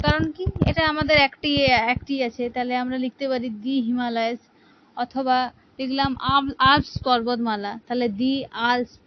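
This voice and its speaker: A woman's voice: sits high, lo-fi sound. A woman teaching an English grammar lesson, explaining patiently and asking her students rhetorical questions. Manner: patient, asks rhetorical questions, repeats "ঠিক আছে".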